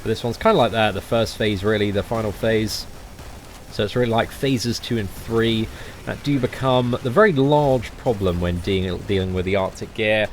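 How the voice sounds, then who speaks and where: A young man giving casual game commentary as a boss guide, chatty and relaxed with lots of fillers. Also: fairly low pitch, normal speed, slight background noise. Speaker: gaming channel host.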